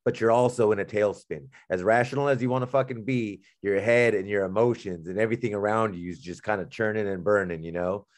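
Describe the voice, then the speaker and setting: A man's voice: fairly low pitch, a little fast, hardly any pauses. Man, podcast co-host, casual storytelling, blunt, profane, street slang, acts out quotes. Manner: retells events by acting out quoted dialogue.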